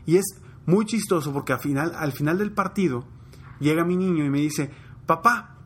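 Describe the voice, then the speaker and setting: A man's voice: a little high, brisk, a little mellow, breathy edge. Mexican man giving a motivational talk. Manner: conversational, tells personal anecdotes, addresses listener directly. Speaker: motivational speaker.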